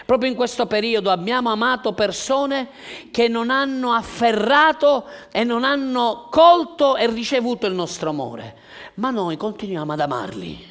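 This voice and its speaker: Male pastor, high-pitched, unhurried delivery, passionate sermon with loud and hushed swings. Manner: impassioned, rhetorical questions, swings from loud to hushed.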